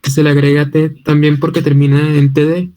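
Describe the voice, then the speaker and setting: A man, a student in an online class, asking halting questions about grammar. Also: a little high, level tone, dark tone. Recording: music playing behind.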